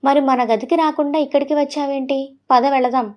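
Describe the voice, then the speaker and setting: A woman's voice: high-pitched, fairly even intonation, a little fast, a little mellow, lightly acted. Woman voicing a pressing young husband. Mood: soothing. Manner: pressing, demanding questions. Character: young husband, brusque but caring.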